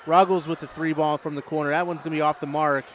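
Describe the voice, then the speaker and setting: A man doing casual, jokey play-by-play for a high school basketball game, chatting with listeners between calls. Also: level tone, fast talker, a bit bright. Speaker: play-by-play announcer. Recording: noisy gym broadcast.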